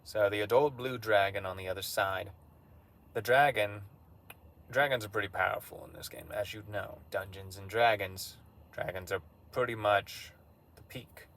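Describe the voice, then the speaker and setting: A man casually recapping a tabletop game session, relaxed and conversational, with frequent fillers. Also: on the low side, moderate pace. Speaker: campaign recap narrator.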